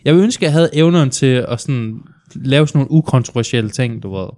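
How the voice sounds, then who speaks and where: A man's voice: mid-range voice, darkish tone. A man co-hosting a casual podcast, rambling with many restarts and acting out little scenes as he talks. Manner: rambling, restarts, acts out gym moments. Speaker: podcast co-host. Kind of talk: casual chat.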